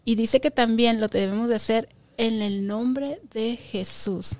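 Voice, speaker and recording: A woman's voice: a little high, measured pace, darkish tone, no echo. A woman teaching a Bible lesson to children, patiently asking them questions and stressing key words by repeating them.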